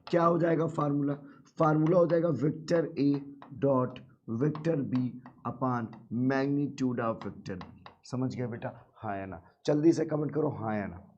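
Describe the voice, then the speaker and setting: Hoarse male math teacher, high voice. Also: mellow, highs cut off. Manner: calls students "beta", repeats questions to the class. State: sore throat. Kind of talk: live online math class.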